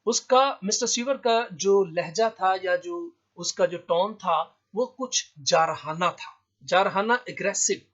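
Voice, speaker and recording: A man teaches an English lesson in a high voice, reading each English sentence aloud before translating and explaining it. The recording is dull and lo-fi. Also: a bit bright. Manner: explains slowly, reads English lines aloud then translates. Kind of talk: lecture with translation. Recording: dull lo-fi sound.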